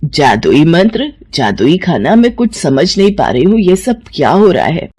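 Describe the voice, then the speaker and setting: A woman voicing an older mother-in-law in a cartoon, who was stern and has turned tender, with a slow, measured way of scolding. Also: lowish voice, sing-song, warm tone, breathy edge. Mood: bewildered. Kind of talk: cartoon voice acting.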